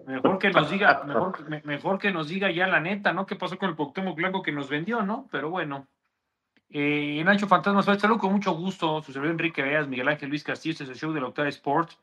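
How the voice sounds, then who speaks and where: A man's voice: fairly high pitch, fairly quick, bright, forceful tone. A man with a Mexican accent hosting a sports show, giving informal, opinionated commentary.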